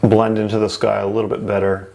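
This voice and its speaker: Speaking fast in a lowish, gravelly, slightly mellow voice, this man keeps his delivery completely flat. He's leading a casual painting lesson in the style of a TV art instructor, narrating each step as he goes.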